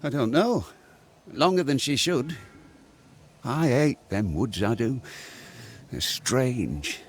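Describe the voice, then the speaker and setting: A man acting a superstitious, plaintive rustic farmer in a video game, with a husky, colloquial delivery. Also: medium pitch, animated, takes it slowly, slight background noise. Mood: worried, pleading.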